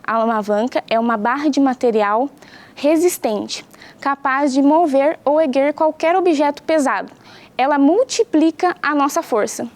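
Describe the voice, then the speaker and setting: Her voice sits high and moves at a normal speed as this young teacher from Brazil runs a home science lesson. She is patient, explains clearly, and keeps asking the pupils questions.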